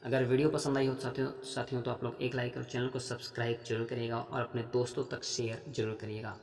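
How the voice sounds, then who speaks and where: Hindi exam tutor with a reverberant sound. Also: male voice, mid-range voice, flat delivery, fast, a little mellow. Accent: Jharkhand Hindi. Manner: patient, addresses viewers as friends, repeats "theek hai". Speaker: exam-prep teacher. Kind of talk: explaining grammar practice questions.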